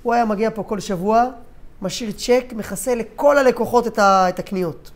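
Male Torah teacher, storytelling lesson, animated, hesitant fillers, loud character quotes, hushed solemn moments. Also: sits high.

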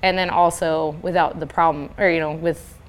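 A young woman talks through her story as an interview guest in a relaxed, rambling way. She peppers every thought with "like" and "you know" and breaks into easy laughter. Her voice sits a little low for a woman. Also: normal speed. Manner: chatty, laughs often, many fillers like "like". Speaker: interview guest, business owner. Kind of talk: casual interview talk.

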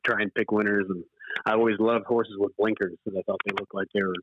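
In a relaxed interview over a remote call, a horse racing professional in his forties reflects earnestly, speaking in stop-start phrases. He comes from Zimbabwe and has lived in California since age eight, and his voice is on the low side, flat and quick. The recording is muffled, boxy, echoey and band-limited, with background noise.

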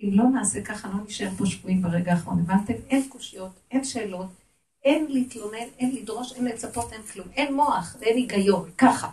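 A woman's voice: medium pitch, darkish tone, far from the mic, low-quality recording. A middle-aged woman teaching a religious lesson to women, emphatic, with urgent repetition and rhetorical questions.

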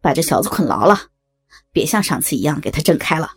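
A woman's voice: on the low side, expressive, moderate pace, creaky, darkish tone, breathy edge, no echo, clean studio sound, soft background music, full character voice. A woman voicing a cruel, vengeful young male thug who taunts with snickering laughs. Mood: taunting. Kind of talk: audio drama acting.

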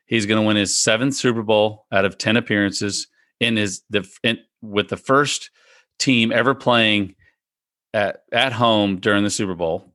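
A man's voice: lowish voice, a bit bright, no room sound, clean studio sound. A man in casual sports talk among friends, repeating his predictions emphatically with many restarts. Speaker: podcast co-host.

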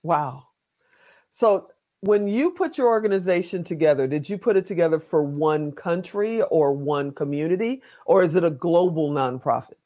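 A male interview host with a notably high voice, talking in a loose, chatty way. He wanders around his questions and slips in jokes as he goes. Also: animated, normal speed, dark tone. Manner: chatty, rambling, jokey. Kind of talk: casual interview talk.

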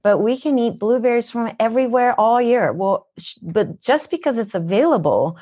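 A slightly high, expressive voice with a mellow, breathy edge belongs to a Japanese-born woman with a Minnesotan accent. Appearing as a wellness guest in a podcast interview at a moderate pace, she sounds earnest and teacherly and poses rhetorical questions.

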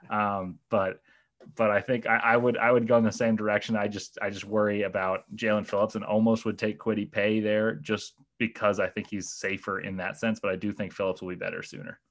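Hiccuping throughout, this guest analyst chats about football draft picks on a podcast, pondering aloud with plenty of fillers and false starts. He speaks fairly quickly in a lowish voice with a fairly bright tone.

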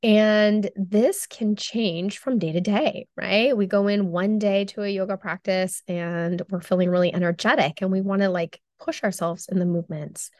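A woman hosting her own podcast as a health coach, talking in a chatty, upbeat way with her voice still hoarse from losing it. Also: medium pitch, fairly even intonation, normal speed, hardly any pauses, a little mellow, no room sound, clean studio sound. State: hoarse, recovering from lost voice. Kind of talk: casual solo podcast talk.

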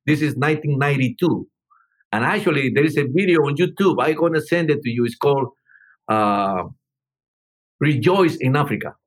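The older Peruvian musician rambles through storytelling answers in his interview, frequently restarting and dropping in "you know." He speaks animatedly at a normal speed with a medium pitch.

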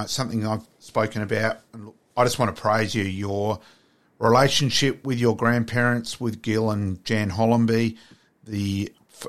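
A man's voice: on the low side, fairly bright tone. An Australian man interviewing casually about sport, speaking in an effusive, matey way.

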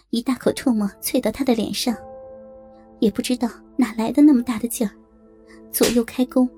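A woman reading a first-person story aloud in a steady, matter-of-fact way. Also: fairly high pitch. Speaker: audiobook narrator.

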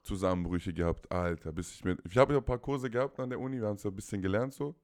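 A man's voice: on the low side, fast, darkish tone. A young man in his twenties, a podcast guest chatting casually in a call-in style, rambling with many fillers and repeated words.

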